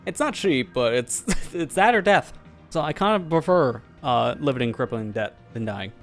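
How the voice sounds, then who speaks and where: A man's voice: mid-range voice, lively intonation, moderate pace. A man hosts a gaming livestream from home, his voice sitting in an ordinary middle register. He talks casually and jokes a lot, laughing as he goes. Faint music plays behind him. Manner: joking, chatty, laughs often. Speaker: streamer host. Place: home, talking over voice chat.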